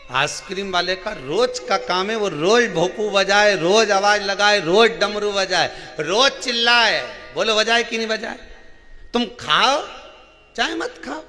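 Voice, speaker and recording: A man with a central Indian Hindi accent preaching a sermon, telling a story with acted dialogue and swinging between soft and loud. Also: high voice, unhurried, few pauses, big-room sound, soft background music.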